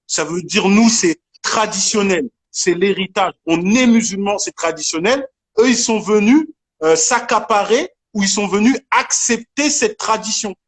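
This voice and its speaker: A man's voice: high voice, moderate pace. A man from Congo in a casual live online debate, talking emphatically and insistently with many restarts. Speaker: debate participant.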